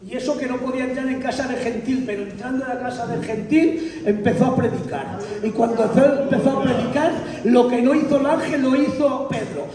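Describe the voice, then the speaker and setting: High-voiced man preaching in an echoey hall. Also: a little fast, far from the mic, a crowd in the background. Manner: emphatic, dramatic retelling, calls on the congregation, bursts into shouts. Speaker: visiting preacher. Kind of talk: animated Bible teaching. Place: church hall.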